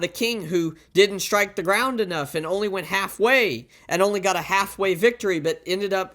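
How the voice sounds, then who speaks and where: A man's voice: high-pitched, a bit bright. A man preaching a sermon into a pulpit microphone, in a plain conversational way, often asking rhetorical questions and stacking up repeated warnings.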